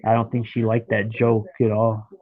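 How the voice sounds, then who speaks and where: Lying in bed at home with a blocked nose, this live streamer talks to viewers by name in a rambling, chatty phone stream. He has a lowish voice and a completely flat delivery at normal speed. The audio is dry and phone-like, with a lo-fi quality.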